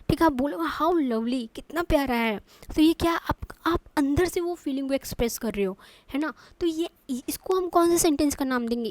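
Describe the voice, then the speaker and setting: A woman's voice: sits high, a little mellow, no room sound. A woman teaching an online English grammar lesson, explaining step by step and checking in with her students often.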